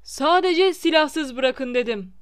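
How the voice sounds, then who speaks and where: A woman voicing a vain, flustered male wizard professor in an audiobook, calling out in loud, theatrical exclamations. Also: a little high, measured pace, clear, resonant tone, lightly acted. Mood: alarmed. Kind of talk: audiobook character reading.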